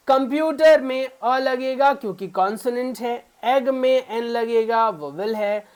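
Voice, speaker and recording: A man teaching a spoken English grammar lesson to beginners. He keeps quizzing his viewers with repeated questions and talks to them in a fatherly way. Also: very high voice. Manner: fatherly, calls viewers son.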